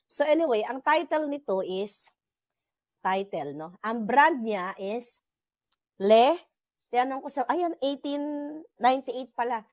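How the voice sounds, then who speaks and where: A woman's voice: fairly high pitch, expressive, slow pace, long pauses, dry recording. A woman with a Filipino accent hosting a casual live chat with viewers, mixing Tagalog and English and laughing often. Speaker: livestream host.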